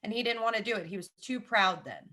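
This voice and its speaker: Talking fast in a mid-range voice, this thirtysomething Southern American woman is a podcast guest with lively, opinionated views. She keeps it casual, drifting into asides and hammering points home again and again.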